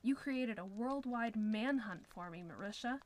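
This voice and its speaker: A woman reading the lines of a cruel, menacing husband in a dark story, with a slow, taunting delivery. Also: a little high, expressive, a little hiss or hum. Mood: mocking.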